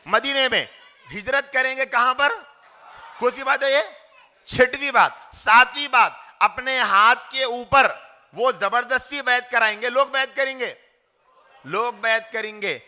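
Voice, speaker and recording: A man's voice: very high-pitched, pushed and bright. A man giving an informal religious talk, asking his listeners questions and answering them himself, often mocking. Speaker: religious speaker.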